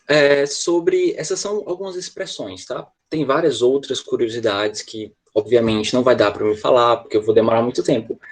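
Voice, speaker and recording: A man's voice: mid-range voice, darkish tone, husky. A Brazilian man teaching English in an online class, explaining step by step and checking in with his students often.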